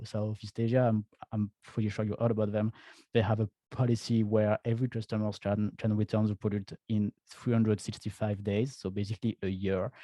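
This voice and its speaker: A man's voice: lowish voice, dark tone, no room sound. A man with a French accent giving a casual presentation as an e-commerce founder, chatty, with frequent restarts and stammered repeats.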